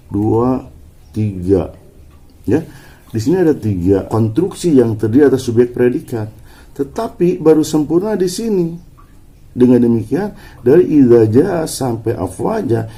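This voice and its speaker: A man's voice: sits low, warm tone. A man giving a university lecture, explaining step by step and posing questions he then answers himself.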